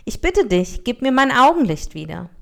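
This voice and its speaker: A woman voicing a blind man who turns ungrateful, gruff and harsh, in a storybook reading. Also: fairly high pitch, sing-song, normal speed, fairly bright tone, exaggerated voice. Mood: pleading. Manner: pleading and gruff.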